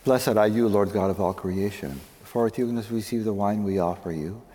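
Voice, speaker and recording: A male priest prays the liturgy in a soft, mellow voice that sits fairly low. His phrasing is solemn and measured, and it rings through a long cathedral echo with some noise around it. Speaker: priest celebrating Mass.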